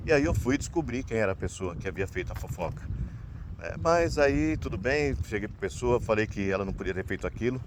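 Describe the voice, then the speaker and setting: Animated and fairly quick, a Brazilian vlogger with a fairly low voice tells a personal story in a relaxed, rambling manner. He speaks with a Brazilian Portuguese accent and closes sentences with "né?", over background noise.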